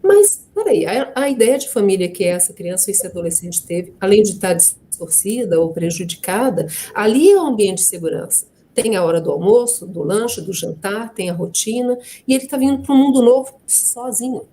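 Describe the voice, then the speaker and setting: Mellow middle-aged Brazilian woman, anecdotal panel guest. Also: medium pitch, expressive, moderate pace, hardly any pauses, a little hiss or hum. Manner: warm anecdotal telling, frequent tag questions. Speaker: adoptive mother and guest speaker. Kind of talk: personal storytelling in an online panel talk.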